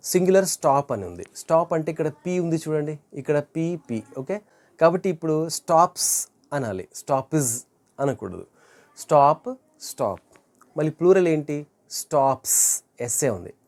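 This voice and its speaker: An English teacher giving an online grammar lesson, repeating each word slowly to model pronunciation and correcting wrong forms. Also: mid-range voice, expressive, darkish tone.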